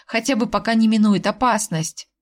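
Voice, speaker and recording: A woman voicing a stern, weary male dragon husband who speaks slowly and firmly. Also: medium pitch, a little mellow, close to an everyday voice. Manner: slow, firm, tired.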